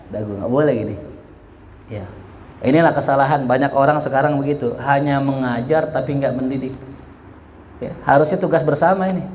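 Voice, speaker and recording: A young man teaching a religious study lesson, lively, with a habit of saying "ya" between phrases. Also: on the high side, slight background noise.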